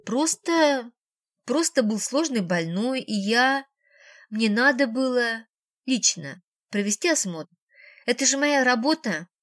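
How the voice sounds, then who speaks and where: A woman's voice: fairly high pitch, animated, takes it slowly, a bit bright, no echo, clean studio sound. Woman reading a wry flustered grown man.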